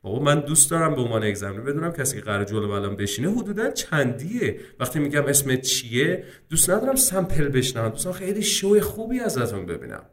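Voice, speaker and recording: A man coaching students for a speaking exam. His pitch swings up and down as he talks, and he drops English words into in a casual, chatty way. His voice sits in a mid range. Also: hardly any pauses. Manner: lively, addresses viewers as friends, mixes English terms into Persian. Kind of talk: casual exam-prep lesson.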